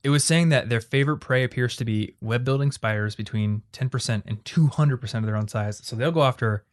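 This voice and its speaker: Man, 20s, podcast host, casual chat, storytelling, mid-pitched. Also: fairly quick. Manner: chatty, storytelling, trailing off into asides.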